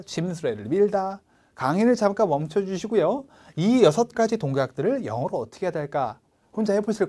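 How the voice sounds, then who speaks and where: Man, online test-prep teacher, bouncy animated pitch, repeat-after-me drills. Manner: energetic, drills students with call-and-repeat pronunciation. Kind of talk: online lecture.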